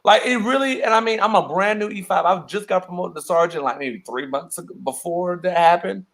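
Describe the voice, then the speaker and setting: Animated male podcast co-host. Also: a little fast. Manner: animated, acts out quotes with big pitch jumps. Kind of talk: casual storytelling chat.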